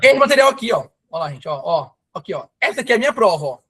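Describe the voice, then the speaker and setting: A man's voice: sits high, very animated, fast, fairly bright tone, breathy edge. A man from Brazil, a math teacher giving a live online exam-prep class, chatty and enthusiastic with storytelling asides. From Pará, Brazil. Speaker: math teacher for civil service exams.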